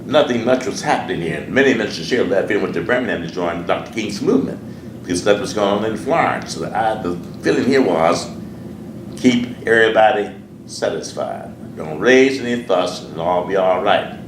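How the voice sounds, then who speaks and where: A man's voice: fairly low pitch, expressive, moderate pace. An older man with a Southern American accent, a pastor from Alabama, earnestly recalling his life in an oral history interview, often repeating his words. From Sheffield, Alabama. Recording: echoey room, distant mic, noisy.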